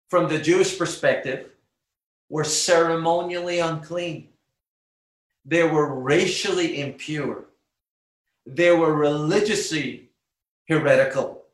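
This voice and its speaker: A man from Guyana preaching a sermon, teaching in an emphatic, deliberate way. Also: fairly high pitch, fairly bright tone, reverberant.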